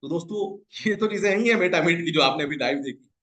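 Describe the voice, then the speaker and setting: High-voiced, hyped male sales pitcher. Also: animated, fast, fairly bright tone. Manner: hyped, salesy, repeatedly addressing friends. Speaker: online business promoter. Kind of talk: screen-share promotional pitch.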